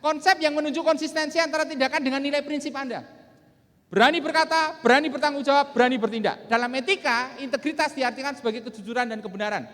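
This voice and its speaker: A high-voiced man delivers a motivational seminar talk, lively and joking with his listeners. His voice rings out in a large hall with long reverb, and he often breaks off to call out to the crowd. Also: fast talker. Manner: lively, joking, calls out to the audience. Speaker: motivational speaker. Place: large hall with a live audience.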